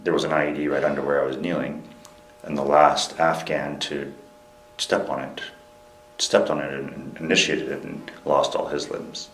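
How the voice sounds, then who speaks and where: Very deep-voiced halting young man. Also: echoey room, slight background noise, poor audio. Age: young adult. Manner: halting, full of restarts and fillers; earnest, reflective. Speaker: interview guest, military veteran. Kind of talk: candid interview conversation.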